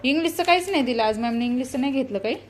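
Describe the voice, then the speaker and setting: A young woman with a Marathi accent chatting in a family vlog, talking softly to the camera and calling out loudly to her small children. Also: high voice, animated, rapid-fire, a little hiss or hum. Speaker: vlogger and mother. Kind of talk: casual family vlog chat. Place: home and school grounds.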